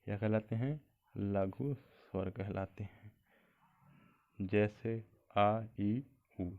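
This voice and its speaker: A man's voice: on the low side, extremely slow. A man teaching an exam-prep grammar lesson. He asks questions and answers them himself, repeating the key points. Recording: tinny lo-fi phone-like sound.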